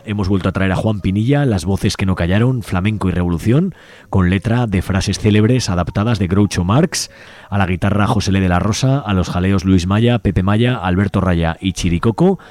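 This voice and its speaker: Low and deep, a man's voice runs through upcoming events for community radio in an easygoing, chatty way. His casual announcements are often tagged with a questioning "right?"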